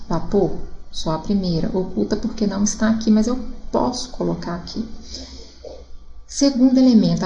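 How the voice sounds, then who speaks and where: A woman's voice: medium pitch, dark tone, reverberant, muffled recording. A Brazilian woman teacher explaining a grammar lesson, often checking in with her students as she goes. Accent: Brazilian Portuguese. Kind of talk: recorded classroom lesson.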